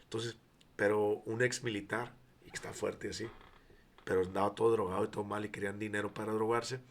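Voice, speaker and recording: A man's voice: on the low side, little pitch movement, a little fast, slight background noise. A man in his forties with a Mexican accent, a guest sharing his faith testimony as a storyteller who acts out dialogue and sometimes drops to near whispers. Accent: Mexican Spanish. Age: 40s. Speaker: interview guest, church founder.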